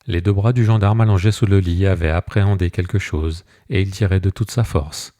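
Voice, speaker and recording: A man reading a classic short story aloud as an audiobook narrator, in a measured storytelling manner. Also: low voice, fairly even intonation, dark tone, dry recording, clean studio sound. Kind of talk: scripted narration.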